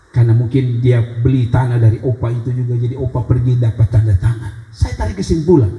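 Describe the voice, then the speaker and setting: Animated preaching man, echoey hall. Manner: animated preaching with big pitch swings and acted child cries. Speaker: pastor. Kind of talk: sermon.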